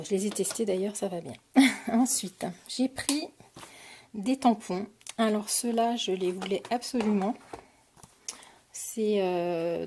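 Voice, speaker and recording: Casting: hesitant French woman, mid pitch, crafting haul vlog, faint noise behind. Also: dark tone. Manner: hesitant, many fillers, shows items to camera. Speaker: crafting vlogger. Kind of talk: casual product haul.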